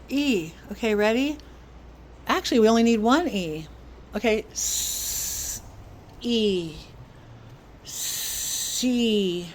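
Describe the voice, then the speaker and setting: A woman teaching a children's phonics lesson, slowly sounding out letters and syllables in an encouraging way. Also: a little high. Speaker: kindergarten teacher.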